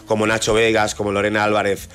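A man's voice: lowish voice, completely flat delivery, fast talker, fairly bright tone, clear, resonant tone. A man with an accent from Spain, a radio music contributor talking casually in an informal, slangy way. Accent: Spanish from Spain.

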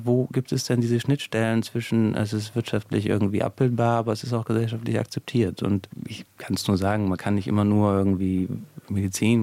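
A man's voice: medium pitch, gravelly, warm tone, dry recording. A male sociologist explaining in a radio interview, thinking aloud with fillers as he goes. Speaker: sociologist guest.

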